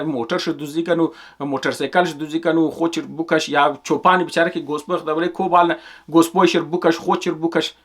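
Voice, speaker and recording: A man with a Hazaragi accent delivers a political monologue. He argues emphatically and circles back to his points. His voice sits slightly high for a man. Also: a bit bright. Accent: Hazaragi Dari. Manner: emphatic, repetitive, argumentative. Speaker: commentator.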